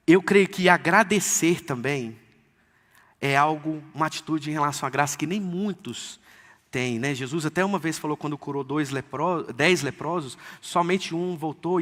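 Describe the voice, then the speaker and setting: A man preaching a sermon in Brazilian Portuguese, fervent, acting out quoted lines with sudden loud bursts. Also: a little high, animated, normal speed. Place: church hall. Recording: long church-hall reverb.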